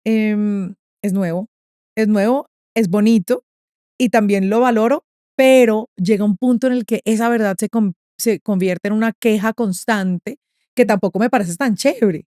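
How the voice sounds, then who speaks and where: A woman hosting a podcast interview, effusive and quick to laugh. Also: medium pitch, dark tone, no echo, clean studio sound. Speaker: podcast host. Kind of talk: casual interview chat.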